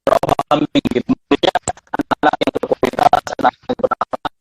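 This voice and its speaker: A man's voice: on the high side, big pitch swings, fairly quick, music in the background. A man, an Islamic law scholar, speaking as a guest over a video call whose bad connection makes his voice garbled and robotic. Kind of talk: casual religious explanation. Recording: distant, choppy online call audio.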